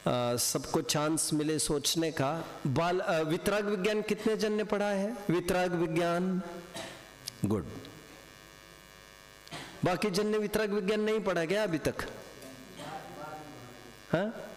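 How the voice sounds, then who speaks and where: A man's voice: high-pitched, takes it slowly, long pauses, slight background noise. A man teaching a class of students, quizzing them and repeating his questions, mixing in English words. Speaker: religious teacher. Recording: echoey hall with long reverb.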